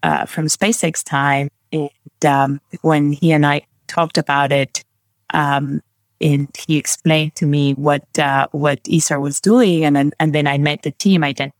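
A guest from Peru speaking in a casual interview, enthusiastic and warm, with frequent fillers and restarts. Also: mid-range voice, level tone, measured pace, no echo, clean studio sound.

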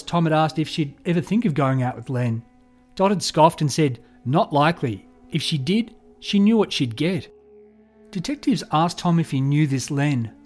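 Man narrating true crime. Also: fairly high pitch. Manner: measured, even storytelling delivery. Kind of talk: scripted narration.

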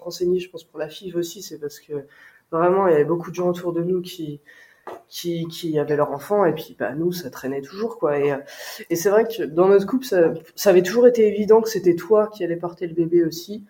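A woman's voice: on the low side, brisk, dark tone. A woman telling her side of a personal story in an interview, reflective, with fillers. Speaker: guest.

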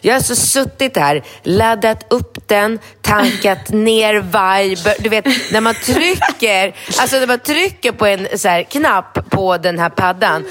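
A woman co-hosting a podcast from home, telling stories in a casual chat with animated, lively quoted asides. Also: mid-range voice, hardly any pauses, faint music behind. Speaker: podcast co-host. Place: at home in her apartment.

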